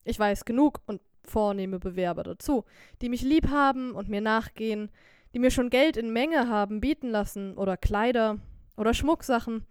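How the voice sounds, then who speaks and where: A woman voicing a young, poor, quick-witted wife in an audiobook, scolding loudly and lamenting theatrically. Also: a little high, smooth, no echo, studio quality, lightly acted. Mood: wailing. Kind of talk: audiobook character voice.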